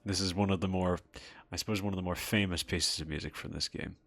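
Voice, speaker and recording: A man's voice: sits low, steady tone, fast talker, vocal fry, fairly bright tone, no echo. A man giving casual commentary while playing a video game, laid-back, chuckling often and swearing casually. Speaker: let's play host. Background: faint game music.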